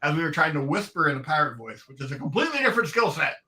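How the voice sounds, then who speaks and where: A man in his fifties co-hosting a casual hobby podcast, upbeat and quick to agree, telling stories in an easy way. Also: on the high side, very animated, crowd noise. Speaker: co-host.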